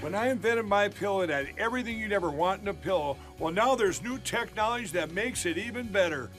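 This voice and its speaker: A man's voice: high voice, animated, quick pace, a bit bright. A man reading a scripted ad with salesy enthusiasm over light music. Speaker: ad spokesman. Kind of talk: scripted ad read.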